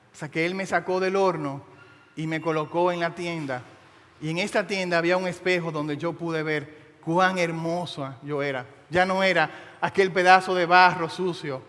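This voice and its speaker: High-voiced impassioned preacher man in a hall. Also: sharp tone. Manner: impassioned, dramatic storytelling with slow emphatic phrases. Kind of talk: sermon.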